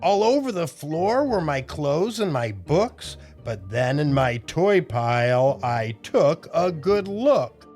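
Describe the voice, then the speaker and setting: Faint music plays behind an older man whose high-ish, darkish voice is very animated, slow, and has few pauses. Hosting a children's storytime show, he reads aloud and tells jokes with a playful, exaggerated, theatrical flair.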